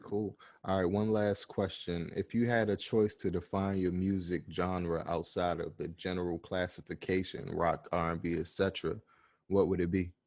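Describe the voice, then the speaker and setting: Deep-voiced relaxed male host, dry sound. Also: normal speed, no room sound. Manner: relaxed, brief and encouraging, often laughing along. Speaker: podcast host. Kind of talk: casual interview.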